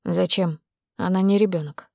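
A woman reading an audiobook, voicing a calm older man who speaks low and quietly. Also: normal speed, creaky, no echo, clean studio sound.

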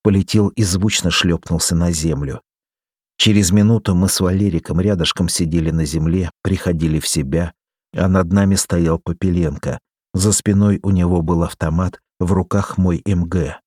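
Man, audiobook narration, low voice, dry close sound. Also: fairly even intonation, moderate pace, darkish tone, slightly rough, no echo. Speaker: audiobook reader. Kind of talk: scripted first-person narration.

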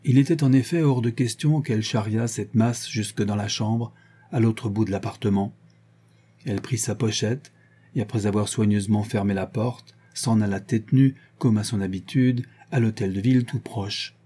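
A man narrating an audiobook in a measured storytelling manner. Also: lowish voice, fairly even intonation, mellow, breathy edge. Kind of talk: audiobook reading.

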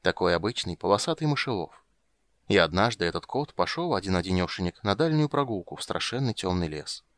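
A man reading a gruff, weary monster hunter. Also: big pitch swings, a little fast, a bit bright, dry recording. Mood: dry, teasing. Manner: dry, teasing, low-key.

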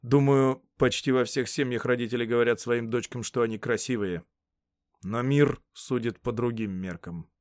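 A man reading an audiobook, voicing a brooding, dismissive young Roman man in a low, quiet voice. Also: fairly even intonation, moderate pace, no room sound, clean studio sound, natural voice. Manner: low, quiet, curt delivery.

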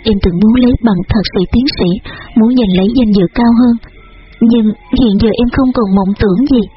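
A man reading an audiobook and voicing a tearful, injured young woman who speaks softly and pleadingly, with dull audio and faint music behind. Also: high-pitched, fairly quick, natural voice. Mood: wistful. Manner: soft, pleading, weeping.

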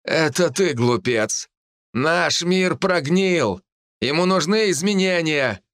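A man's voice: on the high side, animated, slow, no echo, studio quality, exaggerated voice. A man doing a boastful archer leader. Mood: defiant. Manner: boastful, defiant, shouting. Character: arrogant male archer, mercenary leader.

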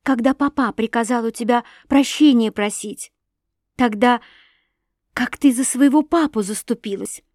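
A woman's voice: on the high side, measured pace, dry recording, studio quality. A woman voicing a tearful, impulsive young princess. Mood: tender. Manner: emotional, rising into excited outbursts. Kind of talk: audiobook reading.

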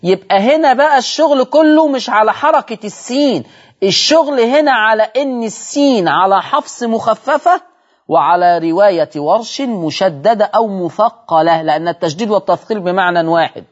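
A man's voice: high-pitched, animated, moderate pace, muffled recording. A man with an Egyptian accent hosting a televised Quran recitation lesson, explaining step by step, repeating key points and asking viewers rhetorical questions. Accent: Egyptian Arabic. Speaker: Quran recitation teacher and show host.

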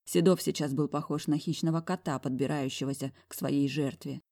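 A woman's voice: low voice, fairly even intonation, brisk, dark tone, no echo, studio quality. A woman narrating a novel aloud in the first person. Her reading is wry and sarcastic, drawing out the comedy in the heroine's plight. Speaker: audiobook narrator.

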